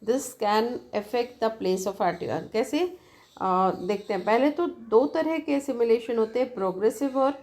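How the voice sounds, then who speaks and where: Indian lady teacher going over phonology, unhurried, voice a bit high, keeps asking "right?". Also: darkish tone. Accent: Indian English. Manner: reads English definitions slowly, then explains them fast in Hindi; repeats questions to students, addresses them as "beta". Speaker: English teacher. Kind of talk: explaining a lesson in mixed Hindi and English.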